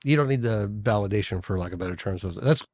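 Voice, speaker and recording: A man's voice: on the low side, fast talker, a little mellow, no echo, clean studio sound. A man hosting a podcast interview, enthusiastic and prone to stammering restarts. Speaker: podcast host. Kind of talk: casual interview chat. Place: recording studio.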